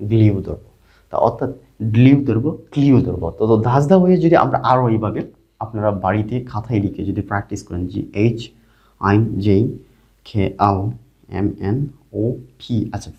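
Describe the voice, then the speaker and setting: Low, mellow-voiced man teaching phonics. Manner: asks and answers his own questions, repeats sounds slowly. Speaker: English teacher. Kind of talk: online phonics lesson. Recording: dull lo-fi recording.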